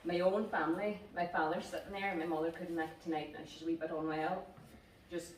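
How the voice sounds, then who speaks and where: A middle-aged woman, a masters runner, giving a halting, choked-up thank-you speech at a club reception. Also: lowish voice, flat delivery. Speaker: award-winning masters runner. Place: function room at a club reception. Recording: echoey room, distant mic, faint noise.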